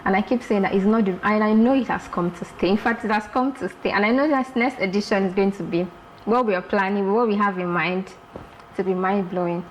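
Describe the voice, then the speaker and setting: A woman from Lagos, Nigeria, a fashion designer talking as a guest in a casual interview, lively and repeating herself for emphasis. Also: medium pitch, fairly quick, slight background noise, rough recording.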